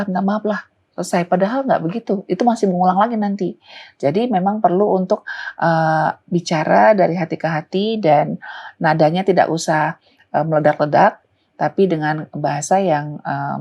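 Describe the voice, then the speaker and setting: A woman guest in an interview who gives parenting advice in an earnest way, often pausing to find her words. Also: on the low side, fairly even intonation, muffled recording. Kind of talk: explanatory interview talk.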